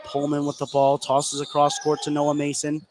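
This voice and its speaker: A man calls live play-by-play of a basketball game for radio, speaking at a moderate pace in a voice on the high side with completely flat delivery. Gym ambience from the live game is clearly audible in the background.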